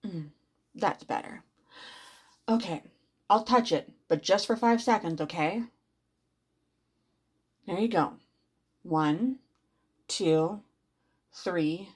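A woman playing a breathy, teasing stepmother. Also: fairly high pitch. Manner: slow, teasing, sultry delivery. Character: teasing, domineering superpowered stepmother. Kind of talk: intimate adult audio roleplay.

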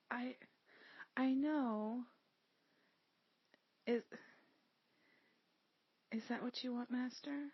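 A woman whispering as a breathy, eager younger sister. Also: on the high side, no echo, lo-fi sound, heavily acted. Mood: shy. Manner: slow, pleading, eager.

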